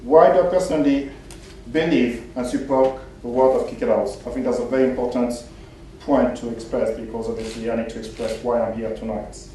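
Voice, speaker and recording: A man from Cameroon, a former footballer, giving a measured, formal speech at an event. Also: mid-range voice, steady tone, warm tone, a little hiss or hum. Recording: very echoey hall, distant mic.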